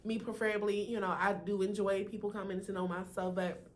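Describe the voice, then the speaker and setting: An American woman talks to her viewers in a casual, sassy way. Her speech has a slight lisp from wearing braces. She sits at an average pitch for a woman and peppers her chat with familiar little tags like "honey" and "right?". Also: steady tone, brisk, slight background noise. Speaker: video host.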